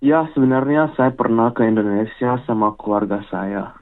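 A man's voice: mid-range voice, normal speed. A young man from Australia, in his late teens, answering interview questions as a student in careful, polite, textbook-like phrasing. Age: late teens, young adult. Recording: muffled telephone line.

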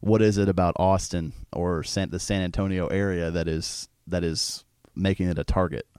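A man's voice: low-pitched, fairly even intonation, normal speed, darkish tone, clear, resonant tone, no echo, studio quality. A man co-hosting a talk show, thinking aloud about a news story in a casual, reflective way. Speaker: co-host.

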